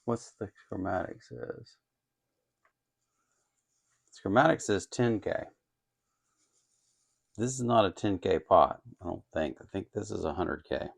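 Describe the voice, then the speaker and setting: Talking through a hands-on task at his workbench, this electronics kit-building channel host has a fairly low voice with a strongly creaky, gravelly edge. He speaks a little slowly, pausing often, in a casual, unscripted way, musing and hesitating as though thinking out loud.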